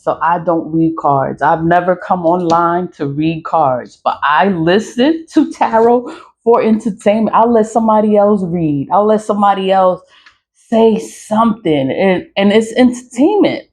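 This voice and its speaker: In another casual vlog rant, the same sort of blunt, swearing woman in her mid-forties addresses her followers, laughing frequently between points. Her voice is medium-pitched, a little mellow, and moderately paced.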